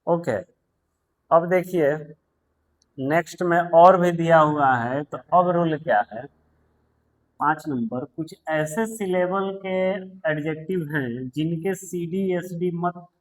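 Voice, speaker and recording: A man teaching English grammar in a patient lesson, repeating words, spelling them out and telling students to pause and take notes. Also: a little high, low-quality recording. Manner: tells students to pause the video and write notes. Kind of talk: slow explanatory grammar lesson.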